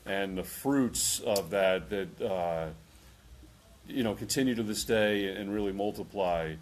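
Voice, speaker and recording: A man from New York with a fairly low voice talks through his time as a visiting pastor. He is earnest and measured, with hesitant fillers, in a relaxed interview. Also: slight background noise. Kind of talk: casual interview talk.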